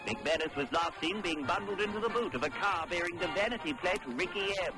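A man's voice: fairly quick, natural voice. A man doing a grand old-time newsreel announcer. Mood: pompous. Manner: booming, dramatic announcer delivery. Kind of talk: parody newsreel narration. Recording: pre-produced sketch over loud music.

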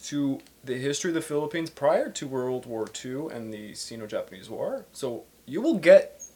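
A man's voice: mid-range voice, sing-song, normal speed, a little mellow. A podcast host from Quebec chats with his co-hosts, mixing history talk with offhand jokes. His voice is a plain mid-range male voice, easygoing and casual. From Quebec, Canada. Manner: joking, offhand asides.

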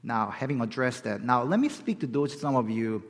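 A man's voice: medium pitch, expressive, moderate pace. A man from South Korea preaching as a guest speaker, in a conversational way that keeps asking his listeners questions. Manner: conversational, asks the audience questions. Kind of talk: sermon. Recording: long hall reverb.

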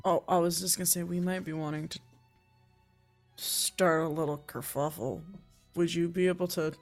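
Eager woman player, low voice. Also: little pitch movement, quick pace, darkish tone, faint music behind. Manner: eager, tumbling over her words. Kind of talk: casual tabletop game chat.

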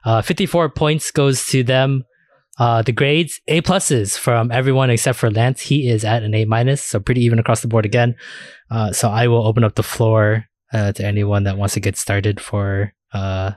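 A man hosts a casual anime discussion podcast, talking informally with plenty of filler words and swearing. His mid-range voice is a little mellow, with fairly even intonation and a moderate pace. The recording is dry and studio quality.

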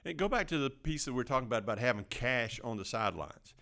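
A man talks as the host of a money advice podcast, folksy and plain-spoken. His voice sits at a middle pitch with a gravelly creak, and his delivery is conversational. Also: animated, quick pace, pushed and bright. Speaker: financial advisor.

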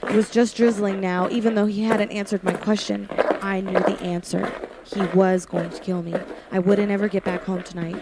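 The recording carries heavy background noise as a woman delivers tense first-person narration in a classic radio thriller. Playing a terrified young working woman held by a killer who pleads, falters and sometimes defies him, she uses a mid-range voice close to everyday speech, flat in delivery and moderate in pace.

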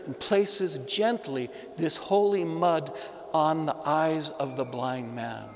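A man's voice: on the high side, long reverb tail. A man preaching a sermon, telling a story with emphatic repetition. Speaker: pastor.

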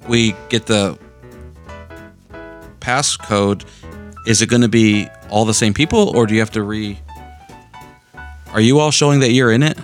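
Man, low voice, podcast co-host, joking banter, faint music behind. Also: steady tone, a little slow, long pauses. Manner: joking, teasing guests. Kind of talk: casual chat. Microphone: podcast microphone.

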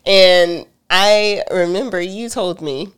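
A woman's voice: on the low side, takes it slowly, clean tone. A middle-aged woman co-hosting a relationship talk show, speaking directly and telling stories with laughter. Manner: direct, animated storytelling with laughs. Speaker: podcast co-host. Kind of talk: casual couple conversation.

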